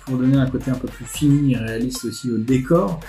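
Here the man's voice sits at a medium pitch, steady and a bit mellow, and he talks quickly. As a vlog host and animator, he explains things conversationally to the camera in a living room setup with a desk, with guitar music playing underneath.

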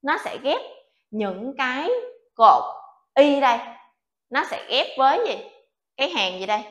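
A patient woman teacher walks students through an alphabet lesson, coaxing them and checking in after every few sounds. Her voice sits a little high, and the room around her rings with echo. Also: lively intonation, unhurried, fairly bright tone. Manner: patient, coaxing, checks in with "được chưa?" often. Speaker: Japanese language teacher. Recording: echoey room.

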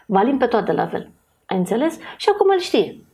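A woman talking as a podcast guest in a casual, animated way, acting out what people say. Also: fairly high pitch. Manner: animated, acts out quoted voices.

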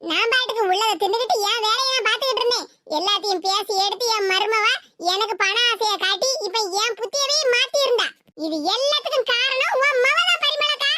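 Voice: very high voice, brisk, background noise. A performer voicing an angry middle-aged neighbour woman who scolds and threatens in a Tirunelveli Tamil accent in a cartoon. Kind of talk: cartoon voice acting.

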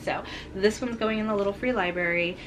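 Speaking briskly over background noise, a young woman vlogs from her home about unhauling books, chatting candidly about what she's giving away. Her voice sits in the mid range and carries a slight congestion and mild sore throat.

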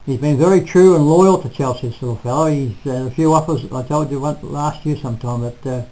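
An older man reviewing a local football match in casual, halting talk full of restarts, recorded on a close webcam in a small room. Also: fairly high pitch, mellow, rough recording. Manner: rambling, halting, self-correcting. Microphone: webcam at close range.

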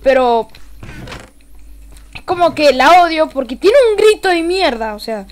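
At a measured pace, a young Argentine woman commentates her gameplay live on stream in Argentine Spanish. She gets excitable, swears offhandedly, and shifts between low mumbles and sudden yelling.

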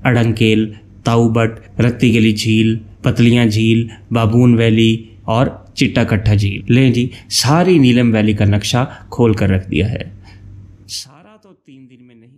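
A man from Pakistan, giving a steady, informative travel-guide voice-over that lists places one by one. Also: medium pitch. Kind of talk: scripted travel narration.

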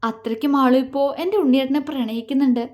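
Audio story: woman playing an affectionate young wife, playful and pleading, a touch high. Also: fairly even intonation, fast, close to an everyday voice. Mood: tender. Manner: affectionate, coaxing, softly pleading. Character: loving, teasing young wife.

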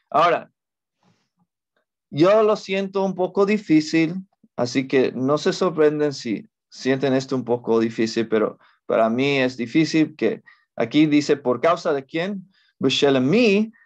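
Slow, patient male teacher. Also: mid-range voice, gravelly, muffled recording. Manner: patient explaining, often checks in with "ok?". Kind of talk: language lesson.

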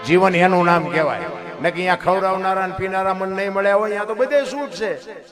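A middle-aged man with a Kathiawadi Gujarati accent telling folk stories and moral sayings in a folksy manner. He calls his listeners "bapu" and now and then bursts into high, loud exclamations. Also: level tone, fast, over music. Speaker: folk storyteller. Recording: musical accompaniment playing behind the voice.

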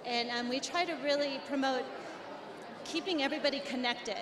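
Interviewed at an indoor expo before a backdrop, a middle-aged woman talks a little fast in a high voice, explaining her company's work earnestly and restarting many times. The mic is handheld by the interviewer, and the hall echoes with crowd noise.

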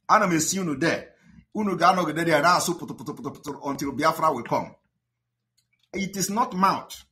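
A man's voice: on the high side, sharp tone. A Nigerian man delivering a combative, mocking monologue full of rhetorical questions to his audience. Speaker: activist broadcaster. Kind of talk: impassioned monologue.

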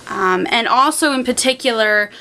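Keeping her slightly high voice down since someone sleeps nearby, a twenty-something Canadian woman talks through an unboxing review for her vlog at night indoors in a small home room. She speaks at a moderate pace, and the low-quality home camera recording, made with the mic a little way off, carries faint background noise.

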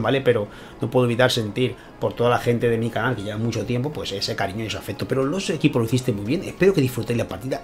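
A man with a Spain Spanish accent, hosting his channel and commentating a tournament match, excitable and constantly checking in with his viewers. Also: mid-range voice. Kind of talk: gameplay commentary.

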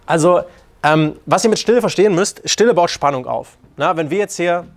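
Brash dating coach, fairly high. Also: male voice, brisk. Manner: animated, acts out quoted lines in put-on voices; frank, crude and joking. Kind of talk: casual coaching talk.

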